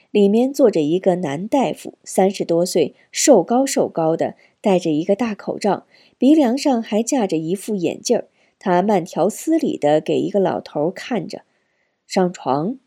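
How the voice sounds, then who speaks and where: A woman reads a novel aloud with a husky, mellow voice. Her pitch moves a lot, giving the story an expressive lift. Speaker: audiobook narrator. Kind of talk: novel reading.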